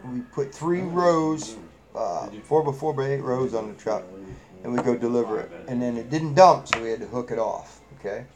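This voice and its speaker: Crowd noise sits behind this middle-aged New Englander as he hosts a live chat at normal speed in a medium-pitched voice. His storytelling is casual, rambling, salty, and folksy, thick with fillers.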